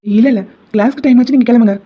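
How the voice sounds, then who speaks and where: A woman's voice: a little high, steady tone, racing, breathy edge. A woman voicing a motherly, secretive middle-aged woman in a Tamil cartoon, speaking reassuringly and evasively. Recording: dull lo-fi sound.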